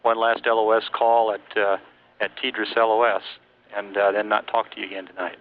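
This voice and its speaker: A man working as a capcom, giving measured, procedural briefings in an astronaut radio exchange. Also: on the low side, flat delivery, phone-quality sound. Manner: measured, procedural, matter-of-fact. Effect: space radio link. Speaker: capcom at mission control. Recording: thin radio link, faint noise.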